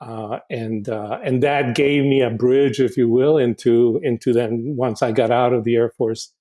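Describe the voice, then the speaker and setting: This podcast guest is a Honduran man in his 60s whose medium-pitched voice sounds steady and dark. Reflective and halting, he keeps restarting sentences and repeating words during the casual interview.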